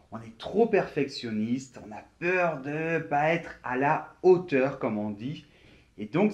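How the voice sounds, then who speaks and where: A man from France teaching a video lesson, speaking slowly and clearly straight to the viewer. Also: medium pitch, muffled recording. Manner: slow, clearly articulated teaching, addressing viewer directly. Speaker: French teacher.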